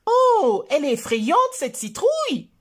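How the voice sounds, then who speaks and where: Woman doing a squeaky eager little penguin boy. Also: a little slow, full character voice. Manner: high childlike voice, excited and pleading.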